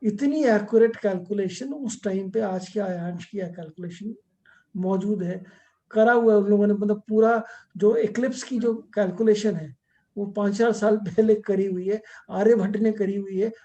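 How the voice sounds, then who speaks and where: A man's voice: sits high, moderate pace, warm tone. A middle-aged man teaching an astrology class over a video call, explaining step by step and mixing English terms into his talk. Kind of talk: online class lecture.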